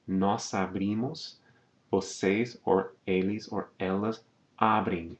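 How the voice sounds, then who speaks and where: Over a set of slides, a man with a low voice teaches a language lesson. He is patient, pronounces words slowly, and keeps checking in with "okay?" The audio sounds dull.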